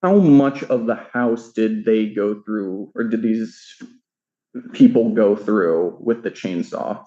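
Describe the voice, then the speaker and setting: A man questioning a witness in court in a measured, methodical way. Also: on the low side, dark tone, highs cut off. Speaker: attorney.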